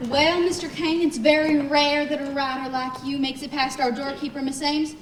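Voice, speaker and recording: Give me a young woman playing a dry-witted editor, high-pitched, with an echoing, distant stage sound. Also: flat delivery, normal speed, close to an everyday voice. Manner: crisp, dryly sardonic. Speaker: actor. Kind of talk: stage acting. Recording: roomy stage from far off, faint hiss.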